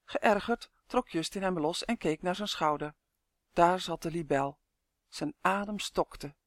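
A woman reading a children's storybook aloud with expressive, lively storytelling. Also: lowish voice, a little slow, no room sound, studio quality. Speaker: narrator.

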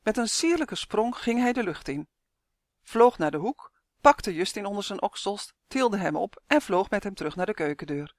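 A woman narrates a children's fantasy book in a steady, expressive manner. Her voice sits at a middle pitch. The recording is dry and close. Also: no echo. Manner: measured, expressive storytelling. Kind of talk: audiobook narration of a children's story.

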